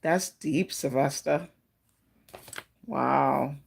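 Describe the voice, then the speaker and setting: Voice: mid-range voice, very slow, gravelly, slightly rough. A fortune teller of unclear sex giving a casual live oracle card reading, addressing people by name and reflecting on each message.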